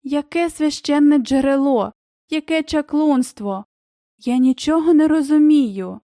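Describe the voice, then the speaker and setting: A woman voicing a brave, outspoken young girl in an audiobook reading, her tone spirited and sharp-tongued. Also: a little high, moderate pace, no room sound, studio quality, close to an everyday voice. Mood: distressed.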